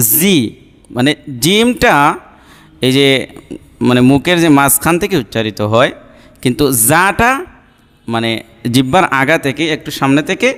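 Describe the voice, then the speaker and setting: A man's voice: a little high, a bit bright, clean tone, in a large hall. A man teaching Arabic letter pronunciation for Quran reading, repeating each sound and explaining patiently. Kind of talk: slow step-by-step pronunciation lesson.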